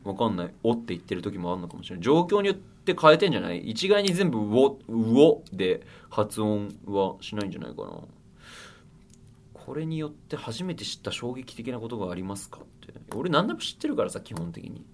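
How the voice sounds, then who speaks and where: A man's voice: lowish voice, big pitch swings, fairly quick, a little hiss or hum. A young man hosting a casual radio show, rambling and joking to himself as he reads listener mail. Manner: rambling, self-mocking, bursts of loud laughter and shouting. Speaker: radio host.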